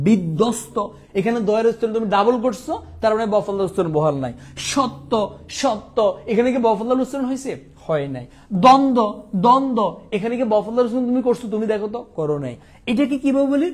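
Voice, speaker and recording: Young bangladeshi guy rattling through a revision class, quizzes and answers himself, quick pace. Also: extremely high pitch. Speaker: teacher. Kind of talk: exam revision lesson.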